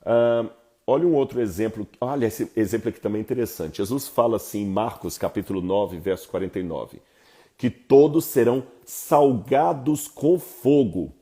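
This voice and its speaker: A Brazilian man explains expressions to his viewers in a lively teaching talk. His voice is husky and mellow, and he keeps checking in with rhetorical questions. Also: lowish voice, normal speed. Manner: animated, asks listeners rhetorical questions. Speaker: Bible teacher.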